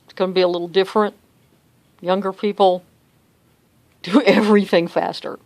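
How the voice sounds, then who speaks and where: A woman's voice: medium pitch, fairly even intonation, normal speed, darkish tone. Upbeat older woman. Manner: upbeat, chatty, self-joking. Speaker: vlogger. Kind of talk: casual personal video diary.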